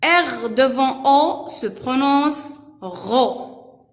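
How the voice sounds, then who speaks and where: A woman teacher giving a slow, deliberate reading lesson for first graders, repeating each syllable. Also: high voice, lively intonation. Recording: echoey room with long reverb.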